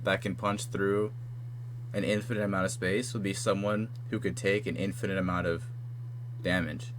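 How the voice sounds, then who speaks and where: A young man with a fairly low voice argues in a loose, casual chat, skeptical and pushing back with question after question. A faint hum sits under the recording. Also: flat delivery, moderate pace, a bit bright. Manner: skeptical, pressing with repeated questions.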